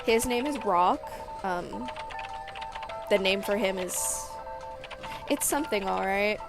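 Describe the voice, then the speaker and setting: A woman's voice: mid-range voice, slow pace. Feminine young woman chatting casually over music. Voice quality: feminine-sounding. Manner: self-conscious, apologetic, rambling with self-mocking asides. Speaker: gaming channel creator.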